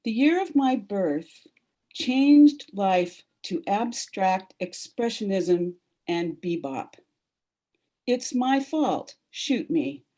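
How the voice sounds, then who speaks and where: A woman giving a solemn, deliberate poetry reading as a guest reader. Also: medium pitch, animated, warm tone. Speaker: poet reading at a memorial.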